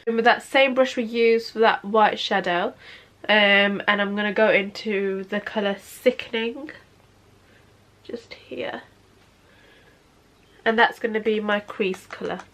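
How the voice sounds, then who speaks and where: This makeup vlogger, a woman in her 20s, talks through a tutorial from her bedroom while sitting on the bed, sounding sniffly, chatty and fond of the word "obviously." Her medium-pitched, fairly bright voice keeps a fairly even intonation, moving a little slowly with frequent pauses.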